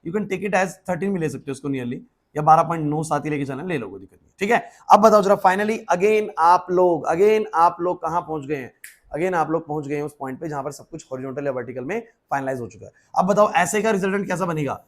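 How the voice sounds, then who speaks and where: A man's voice: fairly high pitch, a little fast. A male physics teacher lecturing a class, quizzing students by name and repeating his questions. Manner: repetitive questions, urging focus.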